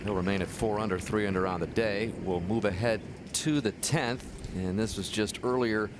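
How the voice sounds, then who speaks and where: A man's voice: fairly low pitch, normal speed. A man calling play as a golf commentator on a live tournament broadcast. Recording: loud ambient noise behind broadcast.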